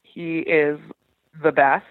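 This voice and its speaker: On a thin, tinny phone line, a woman in her thirties who works in education calls in for advice, chatting candidly and poking fun at herself. Her voice is deep and level, she speaks slowly, and there's no echo.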